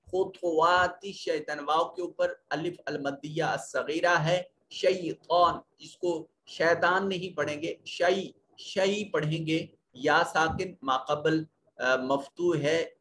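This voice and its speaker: A man's voice: fairly high pitch, fairly bright tone, slight background noise. A man teaching Quran recitation rules, explaining each letter and rule step by step in a methodical way. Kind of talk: tajweed lesson explaining rules.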